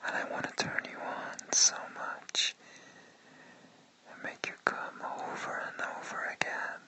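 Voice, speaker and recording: A man speaking in a slow, breathy whisper, murmuring intimately to a listener as in a roleplay recording.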